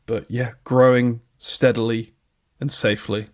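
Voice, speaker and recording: A man's voice: medium pitch, flat delivery, unhurried, no room sound, studio quality. A British man co-hosting a podcast, chatting casually and enthusiastically about nostalgic memories. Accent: British English. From Britain. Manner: enthusiastic, nostalgic, restarts often. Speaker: podcast co-host.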